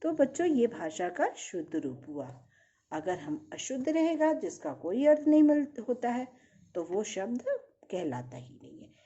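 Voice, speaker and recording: A woman's voice: a little high, sing-song, measured pace, mellow, highs cut off. A woman teaching a recorded primary school lesson, patiently asking and answering her own questions.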